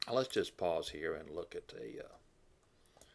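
Teaching the Bible as if in a classroom, a deep-voiced man thinks out loud, using fillers, correcting himself, and often clearing his throat.

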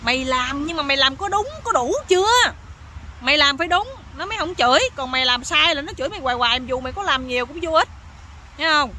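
A woman's voice: sits high, expressive, fast talker, sharp tone, a little hiss or hum. A woman voicing a nosy, bossy older village man who scolds and exclaims, with a Southern Vietnamese accent. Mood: scolding.

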